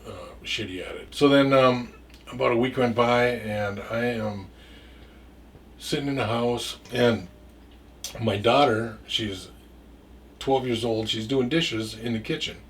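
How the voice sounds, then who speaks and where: A man's voice: mid-range voice, steady tone, unhurried, pauses often, distant mic, slight background noise. Rambling, cursing man telling a story from a bit off-mic. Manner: rambling, stumbles and repeats words, swears freely. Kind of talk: casual spoken storytelling.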